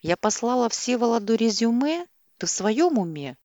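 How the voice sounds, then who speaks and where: A distraught young woman voiced by a female reader pleads and shouts in an audiobook, her voice pushed up high and loud. The sound is dry and close, with no room around it. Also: sing-song, moderate pace, dry recording. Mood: shouting.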